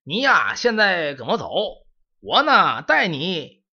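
A man's voice: huge pitch swings, slow, sharp tone, heavily acted. A man voicing a fussy old male castle caretaker who scolds, stammers and sighs in exasperation. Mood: coaxing. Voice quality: high strained scolding voice. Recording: dull lo-fi audio.

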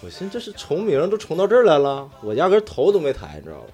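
A man with a Northeastern Chinese accent tells casual stories among friends. His voice is mellow and moves animatedly up and down, with earthy slang and the odd swear word. Faint music plays behind him. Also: a little high, wildly swooping pitch, very fast. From Daqing, northeastern China. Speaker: talk show storyteller among friends. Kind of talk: casual chat, personal anecdotes.

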